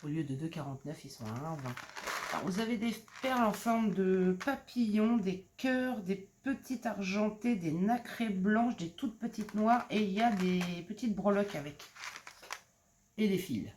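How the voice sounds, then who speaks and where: A middle-aged Frenchwoman casually shows off a craft-supply haul in a mid-range, darkish voice with lively intonation and a moderate pace. She hesitates as she handles each item, full of "euh" and repeated words. Packaging crinkles and clicks are clearly audible, along with a little hiss or hum.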